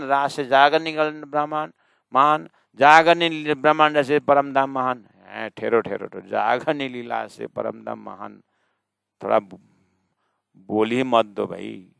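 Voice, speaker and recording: A man's voice: medium pitch, steady tone, gravelly, fairly bright tone, smooth, dry recording. A man teaching a scripture class, explaining verses one by one and arguing with imagined students. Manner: slow, drawn-out reading of verses. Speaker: spiritual teacher.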